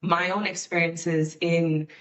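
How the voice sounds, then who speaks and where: Low-voiced woman from Guyana, reflective. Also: level tone, slow, recorded from a distance. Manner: earnest and reflective, many fillers. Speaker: guest, nonprofit CEO. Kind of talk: podcast panel introduction.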